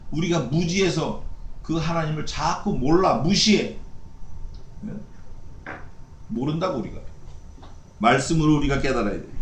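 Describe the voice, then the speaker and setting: A male pastor delivers a sermon in a fairly high voice, firing rhetorical questions at his congregation and hammering home short repeated phrases. The sound rings around a reverberant church hall. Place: church sanctuary.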